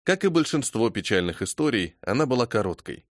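Male narrator, audiobook reading, measured pace, dry close sound. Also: medium pitch, big pitch swings, dry recording. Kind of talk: scripted narration.

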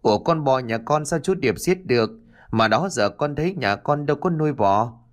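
A man's voice: medium pitch, sing-song, a little fast, pitched above the performer's own voice, lightly acted. A man doing a puzzled village wife. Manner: bewildered, questioning.

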